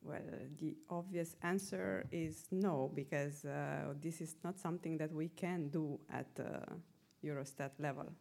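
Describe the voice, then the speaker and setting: Low-pitched woman, conference presenter, hesitant, lots of uh and um. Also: fairly even intonation, gravelly, darkish tone. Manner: hesitant, frequent fillers, measured. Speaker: presenter answering audience questions. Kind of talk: conference Q&A answers.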